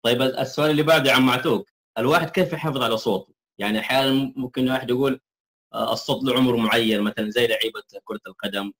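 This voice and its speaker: A man's voice: medium pitch, racing, a bit bright. A man interviewing a guest in an open conversation, polite and questioning. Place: neighborhood community hall.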